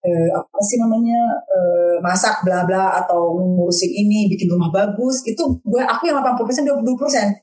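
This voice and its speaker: Woman guest from Indonesia, rapid chatty delivery, roomy echo. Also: mid-range voice, darkish tone. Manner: chatty, lots of fillers and restarts. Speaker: podcast guest. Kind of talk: casual chat.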